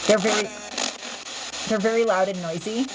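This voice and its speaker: A woman's voice: mid-range voice, steady tone, moderate pace. Casual woman livestreamer over noisy radio static. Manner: informal, sweary, slangy. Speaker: livestream host. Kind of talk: casual live chat with viewers. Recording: clear hiss and static noise. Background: noisy spirit box radio static.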